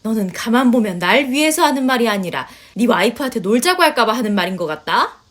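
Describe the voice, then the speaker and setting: A woman's voice: on the high side, big pitch swings, fast, a bit bright. A woman voicing a nagging older mother-in-law who scolds, sighs and complains in a story reading. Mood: grumbling. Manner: scolding, sighing, huffy complaints. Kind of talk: storytelling voice acting.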